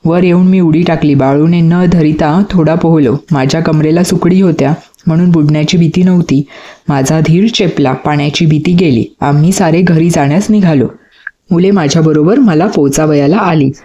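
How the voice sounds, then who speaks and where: Storybook narrator, mellow dark tone, steady reading, dull lo-fi recording. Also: mid-range voice, moderate pace. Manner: steady reading with acted dialogue.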